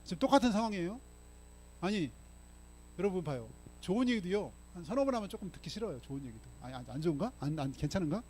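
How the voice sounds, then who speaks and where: A man's voice: high-pitched, big pitch swings, quick pace, darkish tone, a little hiss or hum. A male pastor preaching a sermon, prodding the congregation with frequent questions and reading scripture aloud with force. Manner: emphatic preaching, frequent rhetorical "응?" and "예?" prompts to the congregation. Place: church sanctuary.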